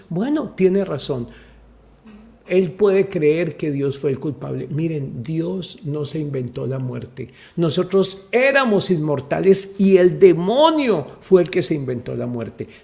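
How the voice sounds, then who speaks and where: Gravelly man preaching emphatically. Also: fairly high pitch, sing-song, a little slow, darkish tone. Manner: emphatic, addresses listeners as brother. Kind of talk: preaching-style talk.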